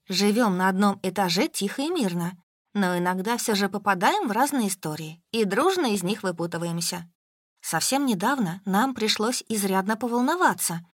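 Brief: woman audiobook narrator, mid-pitched, wry storytelling, dry studio mic. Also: dry recording. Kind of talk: first-person audiobook narration.

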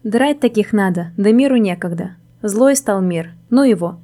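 A woman narrating a whimsical storybook in an even, wry reading manner. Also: mid-range voice, normal speed. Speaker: audiobook narrator.

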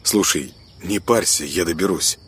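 A man's voice: low-pitched, normal speed, fairly bright tone, husky, exaggerated voice. A man voicing a weary, subdued young man who mutters reluctantly, in an audiobook. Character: weary, gloomy young man just out of hospital.

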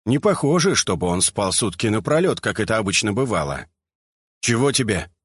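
Expressive, husky-voiced male audiobook narrator. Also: on the low side, fairly quick, no echo, clean studio sound. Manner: expressive storytelling.

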